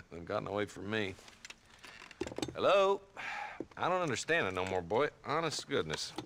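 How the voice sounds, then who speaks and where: A gravelly old frontier marshal. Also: male voice, fairly low pitch, sing-song, brisk, noisy background. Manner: folksy, dryly sarcastic. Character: aging small-town frontier marshal, weary and dry-witted.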